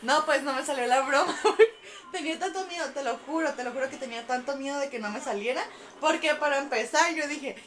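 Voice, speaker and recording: A young woman with a Mexican accent and a high, bright-pitched voice chats casually on a home vlog. She is excitable and giggles through much of what she says. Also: slight background noise. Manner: giggly, excitable, laughs through her words. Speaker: vlogger. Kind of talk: casual chat.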